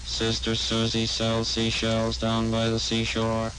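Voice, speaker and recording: A man giving a formal technical demonstration, his speech passed through a vocoder, talking in a measured, precise way. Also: lowish voice, completely flat delivery, a bit bright, slight background noise, low-quality recording. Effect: vocoder-processed voice. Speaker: engineer demonstrating a speech device.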